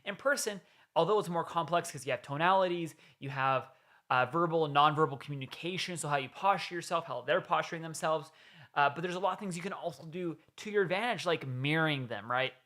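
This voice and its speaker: A man's voice: a little high, brisk, sharp tone. A man hosting a reaction video, giving casual coaching commentary and explaining points step by step. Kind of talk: commentary on a played clip.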